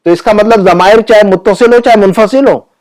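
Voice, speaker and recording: A middle-aged male teacher with a fairly high voice gives a classroom grammar lesson. He explains patiently and repeats key terms. He keeps asking quick check-in questions and reads word lists out slowly, one by one. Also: a little mellow. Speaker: Arabic teacher.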